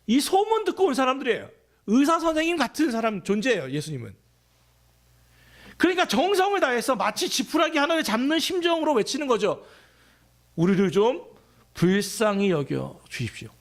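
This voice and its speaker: A man's voice: very high voice, very animated, brisk, a bit bright. A man preaching a sermon as pastor of a church, talking conversationally and asking his listeners many questions.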